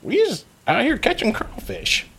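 A man voicing a terrified little male goblin captive in a tabletop game, squeaky and panicky. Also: wildly swooping pitch, normal speed, vocal fry, fairly bright tone, slightly rough, full character voice. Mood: nervous.

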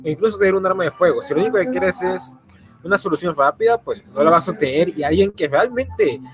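Guy getting serious and lecturing a bit, slightly high voice. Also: fast, crowd noise. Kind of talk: casual chat.

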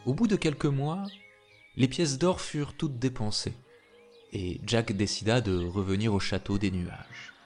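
A man reading a fairy tale aloud in an expressive storytelling manner. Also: mid-range voice, soft background music. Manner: slow, expressive, lively.

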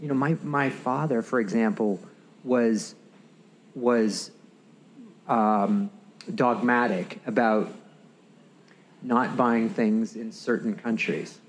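A man's voice: mid-range voice, slight background noise, poor audio. A man co-hosting a casual podcast conversation, rambling and restarting as he tells stories. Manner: rambling, self-interrupting, animated storytelling. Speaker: podcast co-host.

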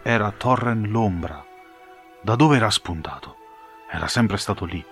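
A man narrating a fantasy audiobook in a measured, dramatic storytelling manner. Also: fairly low pitch, expressive, fairly bright tone, soft background music.

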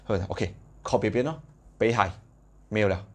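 A young man with a Malaysian accent, hosting a motivational live video and telling a story in an animated, exclamatory way. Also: fairly low pitch, normal speed, breathy edge.

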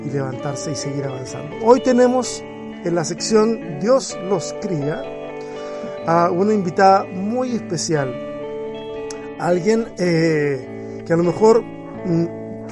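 High-voiced male podcast host. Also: animated, unhurried, music in the background. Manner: reflective, encouraging, tells a Bible story. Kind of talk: warm interview podcast.

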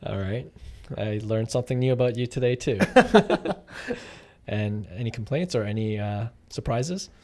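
A man hosts a relaxed conversation, nudging his guest along with brief, friendly questions. He laughs lightly and keeps the chat moving. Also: mid-range voice, normal speed. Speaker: host. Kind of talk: casual interview.

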